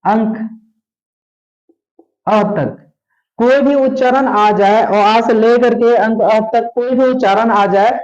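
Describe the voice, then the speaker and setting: Male tutor, slow and repetitive, asks questions; echoey room. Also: very high-pitched, fairly even intonation, a little mellow. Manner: slow, repeats words and asks the class questions. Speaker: English grammar teacher. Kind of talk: classroom lesson explaining articles. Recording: echoey room, dull lo-fi sound.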